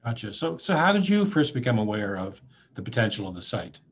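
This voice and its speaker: A man's voice: fairly low pitch, big pitch swings, a little fast. A man hosting a podcast interview, asking casual questions with some restarts. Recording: dull lo-fi sound with faint noise.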